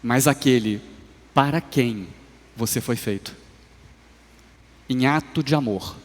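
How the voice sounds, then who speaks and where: A Brazilian man preaching a sermon in an unhurried, deliberate cadence. His voice climbs into loud emphatic swells and then falls back soft and low. The livestream carries a long church-hall reverb around him. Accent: Brazilian Portuguese. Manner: slow, measured preaching with rising emphatic swells and soft drops. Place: church sanctuary.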